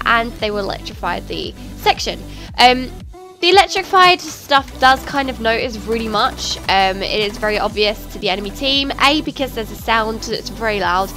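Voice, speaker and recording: A woman's voice: on the high side, fairly bright tone. A woman hosting a casual, chatty video game tutorial, her nose stuffed up with a cold. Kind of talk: casual gaming tutorial commentary. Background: music.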